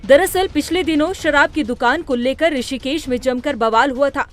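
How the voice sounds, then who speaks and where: A woman news reporter reads a scripted report in a high, emphatic voice. Faint music plays underneath. Her delivery is brisk and forceful.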